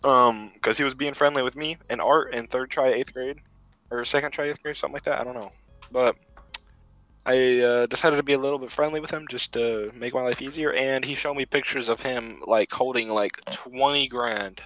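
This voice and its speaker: A young man with a bright, forceful voice tells crude school stories, full of swearing and laughter. The sound is dry and a little dull, like a cheap home mic. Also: medium pitch, fairly even intonation, moderate pace, no room sound. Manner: laughing, profane storytelling. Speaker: podcast co-host. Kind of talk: casual chat.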